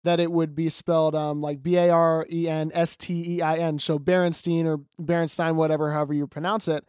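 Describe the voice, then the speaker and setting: A young man with a somewhat high voice, co-hosting a casual podcast. He explains things earnestly in long, run-on sentences. The recording is dry and close to the mic. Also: little pitch movement, fairly quick, a little mellow, smooth, no room sound. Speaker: podcast co-host. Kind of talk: casual chat.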